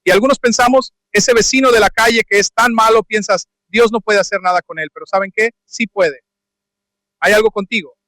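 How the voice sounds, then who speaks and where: A man with a high, bright voice preaches a lively sermon in a church. He asks the congregation questions and gives the figures he reads their own voices. His mic sound is close and dry. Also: brisk, dry recording, poor audio. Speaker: pastor. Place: church sanctuary. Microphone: handheld or stand microphone.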